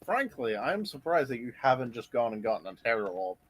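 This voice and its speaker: A man's voice: mid-range voice, sing-song, fairly quick, husky. A man on voice chat with a friend, teasing him dryly in casual banter. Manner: dry, teasing.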